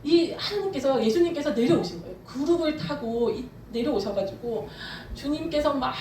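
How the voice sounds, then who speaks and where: Woman pastor, fervent sermon, high voice, echoey church hall. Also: a little mellow, recorded from a distance, slight background noise. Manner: fervent, emphatic preaching with shifts in pace. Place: church sanctuary.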